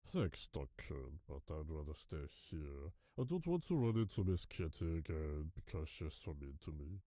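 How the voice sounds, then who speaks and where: Deep mellow cartoon cat henchman, animated pitch, melancholy, wistful, ponderous game character. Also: moderate pace, no echo, studio quality. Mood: reluctant. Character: melancholy, introspective male cat henchman in mouse suit.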